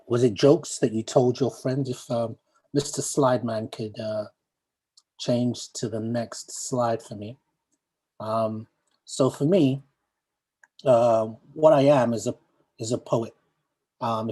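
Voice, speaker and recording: A man from Uganda, a poet, giving a thoughtful talk over a video call, asking questions and pausing with ums and restarts. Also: mid-range voice, warm tone, husky, low-quality recording. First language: Luganda. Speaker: poet, guest speaker. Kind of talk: reflective talk to an online assembly.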